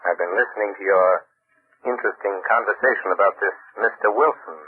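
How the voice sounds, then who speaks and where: A mysterious, unseen male avenger from an old radio thriller. The voice is low and husky, taunting with theatrical assurance. It comes through thin and band-limited, like a telephone. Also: a little fast, narrow, tinny audio. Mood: taunting, assured. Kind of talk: 1940s radio mystery acting.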